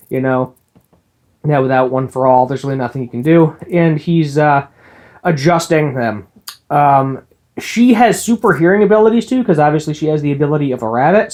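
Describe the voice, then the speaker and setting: A man's voice: fairly high pitch, a little mellow. Rambling man recapping an anime episode. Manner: rambling, lots of ums and uhs, occasional laughs. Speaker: anime reviewer.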